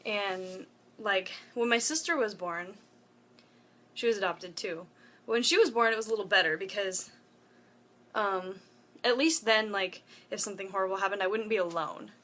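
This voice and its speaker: A woman's voice: medium pitch, moderate pace, pushed and bright. A young woman talking casually to her phone camera at home, rambling with lots of fillers and asides. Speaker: vlogger. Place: room at home with a window open. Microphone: phone propped up.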